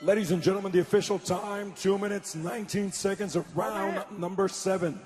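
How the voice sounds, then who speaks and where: A man's voice: high voice, fairly even intonation, brisk, music in the background. A man working as a boxing ring announcer, formal and showy in a lucha libre announcing manner, stretching out names. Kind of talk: formal, drawn-out bilingual fight announcing. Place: boxing ring in a large arena. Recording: long arena PA reverb.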